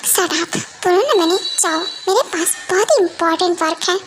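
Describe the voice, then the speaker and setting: A woman's voice: very high voice, moderate pace, slight background noise. A girl doing a cold bossy mafia husband. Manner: curt, commanding, dismissive. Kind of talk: amateur fan dub.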